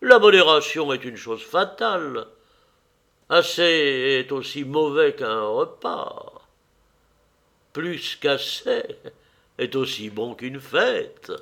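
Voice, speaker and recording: Cynical witty lord, read by a male narrator, languid, epigrammatic, gravelly and unhurried. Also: fairly high pitch, very animated, pushed and bright, heavily acted. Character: witty cynical English lord, middle-aged.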